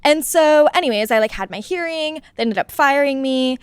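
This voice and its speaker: Guesting on a podcast, a young woman chats casually in a high-pitched, expressive voice at normal speed. The studio-quality recording has no echo, and her talk is full of "like" and frequent laughter.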